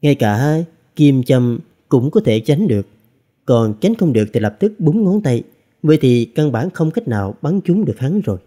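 A man narrating a fantasy novel as an audiobook reader, with expressive storytelling. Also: mid-range voice, moderate pace.

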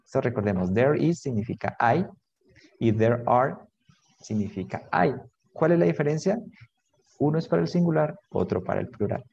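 A man's voice: medium pitch, expressive, moderate pace, gravelly, a little mellow, husky, dull audio. A man teaching an online English grammar lesson, patiently repeating words and switching between English and to explain.

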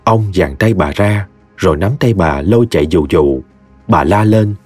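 Husky delta guy telling a funny story, lowish lively voice, dry, soft music behind. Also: moderate pace, no room sound. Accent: Mekong Delta Vietnamese. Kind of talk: humorous story narration.

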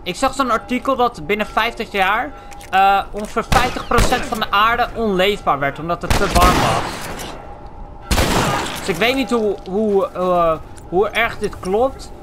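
A young man from the Netherlands giving excitable, foul-mouthed let's play commentary, tossing in English slang. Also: high voice, unhurried, heavy background noise. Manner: excitable, swears a lot, drops English slang. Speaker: gaming channel host.

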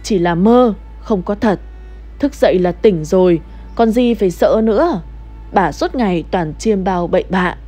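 A woman voicing an older village husband who gently scolds and reassures his wife. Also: mid-range voice, animated, measured pace, faint music behind. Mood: dismissive.

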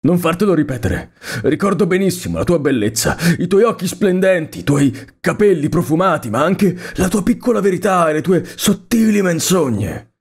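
A brooding male monster hunter from a storybook, firm and commanding with a wistful edge, as a male reader puts him on. His voice sits higher than the narration and sounds husky. It rises and falls in lively swings. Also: moderate pace, exaggerated voice. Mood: cold.

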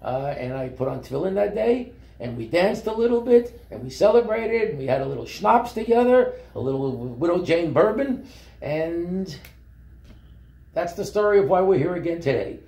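Older New man, mellow voice, roomy office. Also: high voice, moderate pace, vocal fry. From Brooklyn, New York. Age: 70s. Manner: relaxed, rambling, with frequent fillers and restarts. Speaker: company founder. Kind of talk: interview storytelling. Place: office meeting room.

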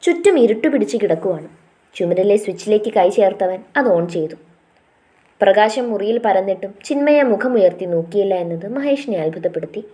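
A woman narrating an audio romance story in a calm, even storytelling manner. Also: medium pitch, brisk.

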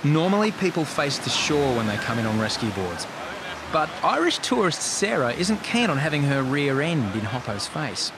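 A man's voice: a little high, sing-song, moderate pace, background noise. A man narrating a documentary in a wry, storytelling way. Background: music.

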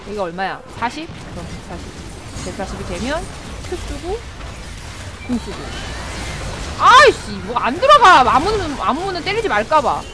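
With loud music behind her, a woman with a high-sitting voice streams a game live at a moderate pace, with long pauses. She talks through her plays and excitedly yelps and laughs at hits and kills.

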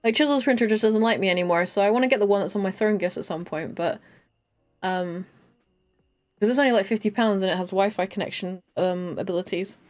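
While streaming a game, a woman chats casually with her viewers and a friend, laughing often. Her voice is medium-pitched, a little fast, and somewhat dark in tone.

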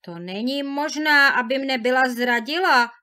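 A woman's voice: high voice, lively intonation, a bit bright. A woman voicing a desperate lovesick young husband. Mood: anguished. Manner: emotional outcries, pleading. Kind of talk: fairy tale read aloud.

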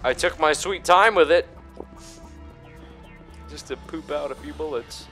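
Over music, a man with a slightly high voice rambles through commentary at a measured pace while hosting a video game playthrough. He swears freely and hams it up theatrically, breaking into mock shouts.

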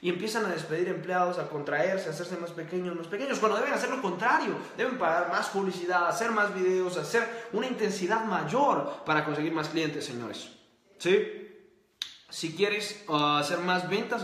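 Speaking to camera in a high-pitched voice with a sharp tone, this motivational host pushes his points emphatically and repeats key phrases. He keeps throwing quick yes-or-no questions at listeners, and the sound is roomy.

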